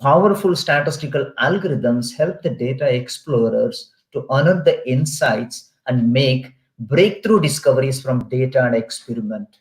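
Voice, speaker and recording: A man with an Indian English accent giving an online webinar lecture in a steady, explaining way with many fillers. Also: medium pitch, echoey room. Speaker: guest lecturer. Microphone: video call.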